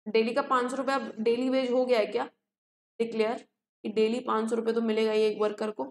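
A woman's voice: fairly high pitch, level tone, brisk, darkish tone, roomy sound. A woman with an Indian accent teaching a live online English class, chatty and encouraging, calling students beta. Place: home.

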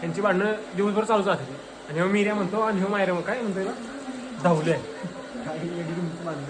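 At a family home, a man casually vlogs and playfully coaxes the children into talking. His voice sits high and moves fast, with a crowd audible in the background.

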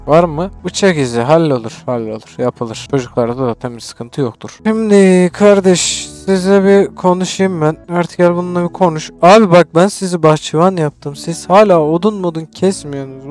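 A man's voice: a little high, a little mellow. A young man casually commentating his gameplay, chatty and exasperated, bossing his characters around. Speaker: gaming streamer.

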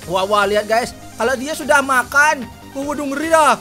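A woman hosting a gameplay video, commentating loudly and shrieking in mock panic. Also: high-pitched, moderate pace. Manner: shrieks and shouts in mock panic, talks to viewers. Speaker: gaming video host. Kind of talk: excited Minecraft gameplay commentary. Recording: loud game music behind.

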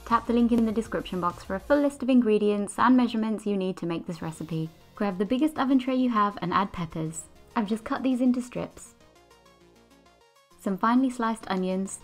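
A young woman hosting a cooking channel, talking through a recipe in an upbeat, chatty, slangy way over soft background music. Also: medium pitch, a little fast. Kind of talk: casual recipe talk to camera, then voice-over narration.

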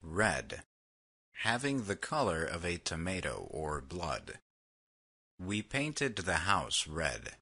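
A man reading vocabulary words and example sentences slowly, with a husky voice. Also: low voice, wildly swooping pitch, pushed and bright. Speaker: vocabulary lesson reader. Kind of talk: slow read example sentences.

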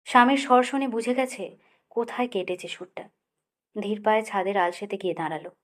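A woman reading a novel aloud in measured, expressive first-person narration. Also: mid-range voice. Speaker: audiobook narrator. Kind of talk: literary audiobook narration.

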